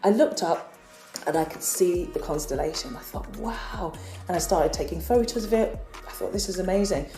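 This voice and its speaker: A woman's voice: on the low side, expressive, a little fast, mellow, reverberant, soft background music. A woman from England earnestly telling a personal spiritual story in a casual vlog. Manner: earnest, confessional. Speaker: spiritual vlogger.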